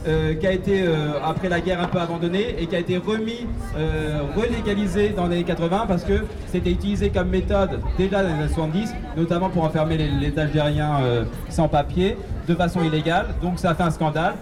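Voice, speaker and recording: A man hosting a public quiz at an outdoor gathering, animated and upbeat, calling out answers to the crowd. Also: high voice, fairly quick, music in the background. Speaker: quiz host at a rally. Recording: distant outdoor recording with a crowd.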